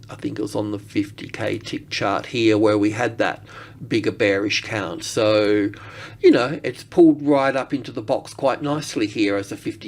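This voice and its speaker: In a voice on the low side, a man gives unscripted market analysis while working through charts. He rambles and halts as he thinks out loud.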